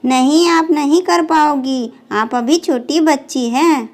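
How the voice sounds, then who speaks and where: A busy young mother , voiced by a woman, scolds firmly yet kindly in a doll storybook. The voice is high and paced slowly. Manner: firm, chiding but caring.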